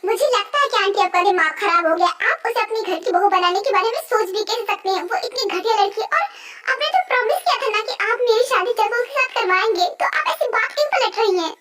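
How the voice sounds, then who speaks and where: A woman in an amateur fan dub voicing a spoiled, jealous young woman who talks indignantly and loudly, with music behind. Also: very high-pitched, expressive, fast talker, heavy background noise. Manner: indignant, loud.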